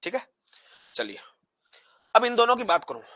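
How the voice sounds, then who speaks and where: A man's voice: high voice, moderate pace, dry recording. A man teaching a physics lesson, asking the class questions and repeating key terms back as answers. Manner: animated, acts out particles pushing apart.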